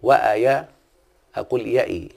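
A man's voice: fairly low pitch, normal speed, vocal fry, darkish tone, slightly rough. A man with an Egyptian accent teaching a classical Arabic grammar lesson, often stopping to ask his listener questions. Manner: asks the listener frequent check-in questions.

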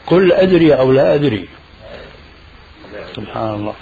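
A man's voice: mid-range voice, animated, a little fast, vocal fry, a crowd in the background. A man answering a caller on a radio show as a religious scholar, pressing with argumentative rhetorical questions. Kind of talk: call-in radio Q&A. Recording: muffled lo-fi radio recording.

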